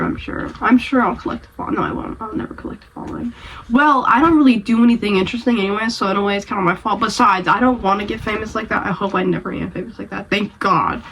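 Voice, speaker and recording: A woman's voice: a little high, lo-fi sound, slight background noise. A young woman with a cold, rambling casually and self-deprecatingly in a vlog. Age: young adult. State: has a cold. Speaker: vlogger.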